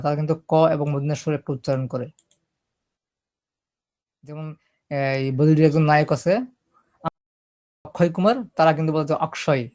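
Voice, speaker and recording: A man's voice: fairly high pitch, darkish tone. Man teaching typing. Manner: explains step by step, often checking "ঠিক আছে?". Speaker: computer typing instructor. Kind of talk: screen-recorded typing lesson.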